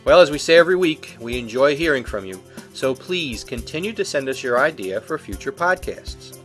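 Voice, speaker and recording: A man's voice: mid-range voice, animated, moderate pace, a bit bright, soft background music. A man co-hosting a podcast, reading a prepared script in an explanatory way. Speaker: podcast co-host.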